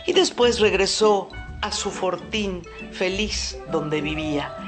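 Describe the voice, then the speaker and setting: A woman's voice: lowish voice, slow, over music. A woman storyteller narrating a folk tale for children.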